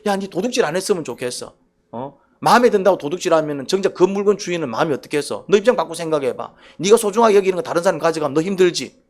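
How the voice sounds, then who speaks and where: A man voicing a gentle, caring God who reasons softly instead of commanding. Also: fairly high pitch, expressive, rapid-fire, lightly acted. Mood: gently pleading. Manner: soft, coaxing, reasoning.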